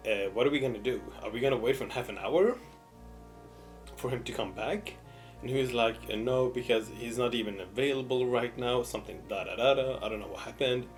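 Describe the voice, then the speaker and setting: A young man with a medium-pitched voice tells a personal story in a casual, conversational way. He repeats words for emphasis and animatedly replays quoted exchanges. Music plays behind his voice. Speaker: mukbang storyteller.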